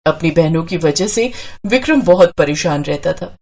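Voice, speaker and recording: Woman narrating a storybook, even tone. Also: sits low, normal speed, slight background noise.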